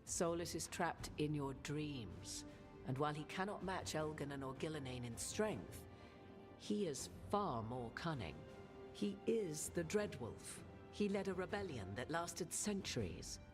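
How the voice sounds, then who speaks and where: A grave, commanding woman counsels the Inquisitor in a fantasy game. Her voice sits very low but moves widely in pitch. Game music plays beneath her. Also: expressive, measured pace. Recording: game audio with music underneath.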